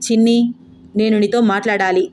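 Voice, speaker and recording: A woman's voice: mid-range voice, steady tone, brisk, a little mellow, slight background noise, close to an everyday voice. A woman voicing a flustered young man who protests urgently. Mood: protesting.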